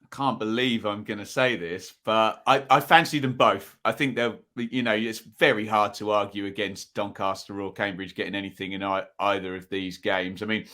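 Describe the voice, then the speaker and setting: A man's voice: fairly low pitch, fairly even intonation, normal speed, few pauses, bright, forceful tone. A man co-hosting a football betting podcast, casually discussing picks in a thoughtful, tentative way.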